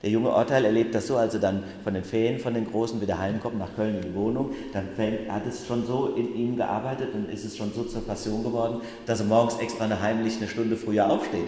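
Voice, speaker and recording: Pastor, male, lower voice, talks to the congregation; echoey church hall, faint hiss. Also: darkish tone. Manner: addresses listeners directly, asks them questions. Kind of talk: sermon about a book.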